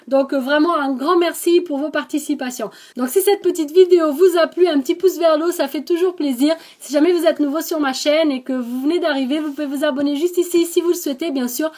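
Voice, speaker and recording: This scrapbooking channel host speaks in a high, brisk, slightly dark voice with a non-native French accent, barely pausing. She casually shows the crafts she received in the mail and thanks the senders, chatting with frequent hesitations and plenty of "donc".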